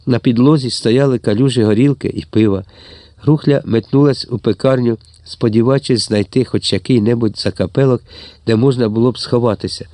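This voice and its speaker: A man reading a story aloud in steady, tense scripted narration, with a mid-pitched voice. The sound is very dry and close, with no room in it. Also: a little fast, no room sound. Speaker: audiobook narrator.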